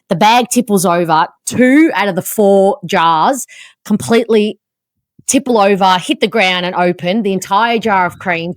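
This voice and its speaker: An Australian woman hosts a podcast and tells a mishap story with animated, self-mocking flair. Her voice sits slightly low for a woman. The sound is dry and close, with no room echo. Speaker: podcast host. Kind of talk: casual chat, storytelling.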